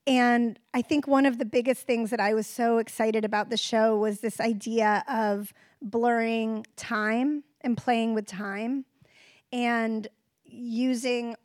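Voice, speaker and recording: A woman's voice: a little high, fairly even intonation, a little slow, a little mellow, dry recording, clean studio sound. A woman in her forties who adapted a book into a series, talking reflectively in a conversational interview. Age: 40s.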